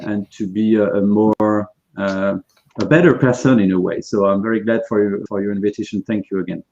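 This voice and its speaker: A lower-voiced man with a clear French accent talks slowly and haltingly, with lots of "uh"s and restarts. His voice comes through a video call that sounds dull and lo-fi. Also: mellow. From France. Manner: hesitant, many fillers and restarts. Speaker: international relations director. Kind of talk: webinar panel talk. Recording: muffled lo-fi audio.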